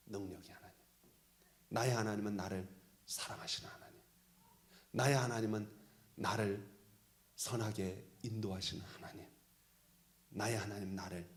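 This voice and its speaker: A pastor preaching a sermon with emphatic delivery that swings from loud calls down to soft near-whispers. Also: male voice, mid-range voice.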